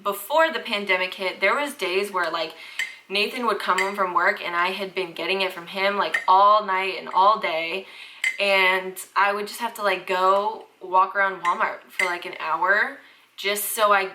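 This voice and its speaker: A woman's voice: medium pitch, fairly even intonation, moderate pace, noisy background. A young woman, chatting casually to camera as a parenting vlogger, filling her talk with "like". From Southern United States. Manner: chatty, fills talk with "like" and "freaking".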